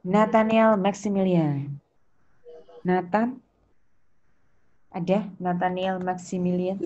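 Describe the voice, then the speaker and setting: Taking it slowly in a lowish, dark voice, an Indonesian teacher leads an online accounting class, questioning students by name, prompting them and going over key points again. Background noise and muffled lo-fi sound mark the recording.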